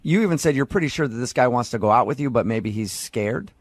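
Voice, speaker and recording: A man's voice: mid-range voice, lively intonation, fast, no echo. An American man hosting a morning radio show, bantering casually with callers in a mock-earnest, teasing way.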